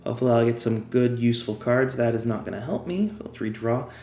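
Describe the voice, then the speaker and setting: A man's voice: medium pitch, animated, fast talker, mellow, reverberant. A man who is losing his voice, chatting casually as he plays and explains a card game step by step. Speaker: game guide creator. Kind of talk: casual gameplay tutorial.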